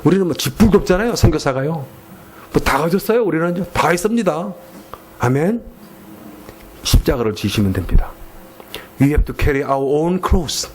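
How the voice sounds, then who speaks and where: A man with a Gyeongsang Korean accent preaching a sermon in church, emphatic and repetitive, switching into slow deliberate English at times. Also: fairly high pitch, sing-song, a little mellow, slight background noise. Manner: emphatic, repeats phrases, mixes in slow English. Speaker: missionary preacher. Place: church sanctuary.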